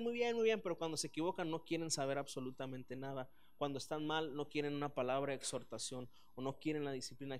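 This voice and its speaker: A man, preaching a sermon as pastor, earnest and animated with frequent restarts. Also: fairly high pitch.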